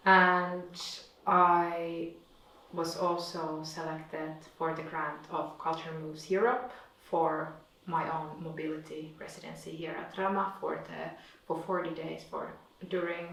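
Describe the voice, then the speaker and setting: A woman, an artist talking thoughtfully and pausing often to find her words, recorded from a distance in an echoey room. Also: deep voice, little pitch movement, vocal fry, a bit bright, slight background noise. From Finland. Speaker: visiting artist. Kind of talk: reflective conversation.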